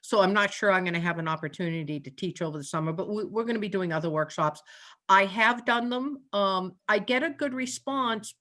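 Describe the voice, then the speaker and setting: A woman's voice: mid-range voice, fairly quick, bright, forceful tone. Chatty New woman telling stories. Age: older. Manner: chatty storyteller, laughs often, plays out her animals' thoughts. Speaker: animal communicator guest. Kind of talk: casual interview chat.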